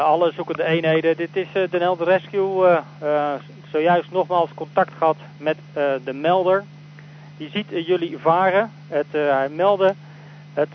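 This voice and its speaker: A man working as a rescue coordinator on a marine two-way radio, relaying details hesitantly with many filler sounds in formal radio procedure. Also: fairly high pitch. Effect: heard over a marine two-way radio. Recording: muffled radio channel with faint noise.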